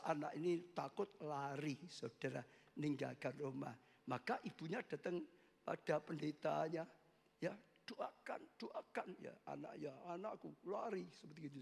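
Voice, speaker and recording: A man preaches a passionate sermon, his voice pitched high and roughened with a gravelly, husky edge. He swells often into loud cries toward the congregation. The long reverb of a church hall trails behind every phrase. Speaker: pastor. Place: church worship service.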